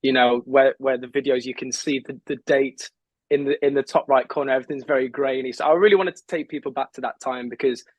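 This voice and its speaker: A man's voice: medium pitch, fairly even intonation, fast talker, no room sound, rough recording. A man in his twenties, a songwriter guest on an interview, talking in a chatty, rambling way with many fillers and restarts. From England. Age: 20s. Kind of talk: casual interview chat.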